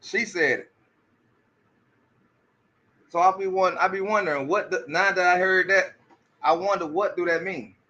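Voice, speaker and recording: Speaking at normal speed and pausing often, a commentary streamer gives casual commentary in a forceful, bright, slightly high voice. He stammers, restarts and keeps repeating rhetorical questions, all on slightly muffled, lo-fi audio.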